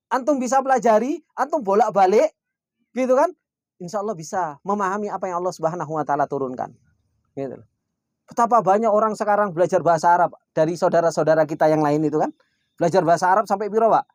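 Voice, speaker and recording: A man teaching a religious study class. He asks rhetorical questions and answers them himself, and he slows down for Arabic quotes. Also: sits high, dry recording, clean studio sound. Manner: keeps addressing listeners as "Pak"; slows down when reciting Arabic quotations. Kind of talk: Islamic study lecture.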